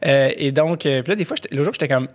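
A man's voice: mid-range voice, fast. A man with a Québécois French accent in casual podcast chat, rambling with many fillers and restarts.

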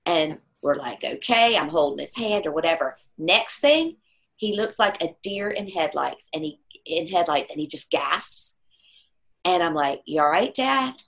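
A woman's voice: low voice, normal speed, vocal fry. A middle-aged woman telling a personal story in conversation, acting out the voices of the people she quotes. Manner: animated storyteller who acts out quoted voices.

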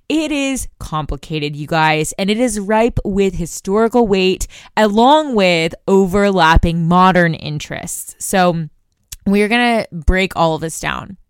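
A woman's voice: lowish voice, clear, resonant tone, no room sound, studio quality. A young woman from the United States hosting a news podcast, explaining a story in a conversational way and talking straight to her listeners. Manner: conversational, addresses listeners directly.

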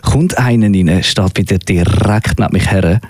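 A man's voice: deep voice, normal speed, darkish tone, dry recording. A man with a Swiss German accent chatting casually and telling stories in a blunt, slangy, emphatic way. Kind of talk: casual chat, storytelling.

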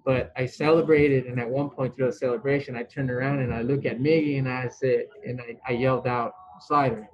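A man, a former baseball pitcher, telling a story as an interview guest, rambling and swearing freely. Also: brisk, few pauses, highs cut off. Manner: animated, rambling storyteller who restarts and swears.

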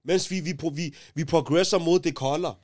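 A man's voice: on the high side, no echo, clean studio sound. A young man in casual podcast chat, laid-back, calling everyone "bro" and mixing English slang into his talk. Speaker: podcast co-host.

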